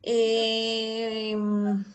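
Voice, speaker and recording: A woman's voice: a little high, completely flat delivery, drawn-out words. A woman, a primary school teacher patiently coaxing answers from children in an online class over a video call.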